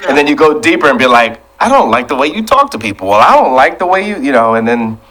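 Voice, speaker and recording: Chill podcast host guy, mid voice, thinks out loud, keeps the convo moving. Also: medium pitch, very animated, quick pace, background noise. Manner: laid-back, reflective, steers the talk. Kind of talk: casual chat.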